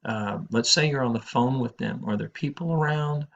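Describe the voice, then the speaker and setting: A middle-aged man teaches a crisis counseling class informally, rambling with many fillers and restarts and sharing frank anecdotes. His voice is mid-range, gravelly and fairly bright, at a moderate pace. The classroom recording is dull and lo-fi.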